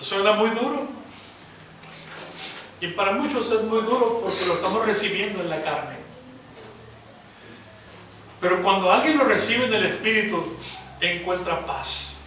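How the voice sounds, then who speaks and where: A man's voice: high-pitched, animated, unhurried, pauses often, sharp tone, recorded from a distance, a little hiss or hum. A male pastor preaching a sermon, retelling a story with emphasis and often repeating or restarting words. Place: church hall. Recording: echoey hall, preacher away from mic.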